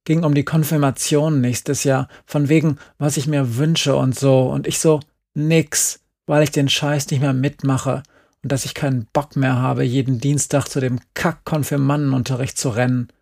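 A man voicing an angry, defiant teenage girl who grows agitated and loud. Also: mid-range voice, little pitch movement, normal speed, creaky. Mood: upset. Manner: agitated, rising and shouting.

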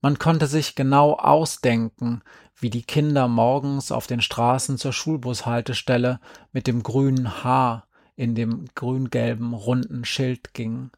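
A man reading a story aloud in a calm, even storytelling manner. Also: medium pitch, vocal fry, no echo, clean studio sound. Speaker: narrator. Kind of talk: audiobook narration.

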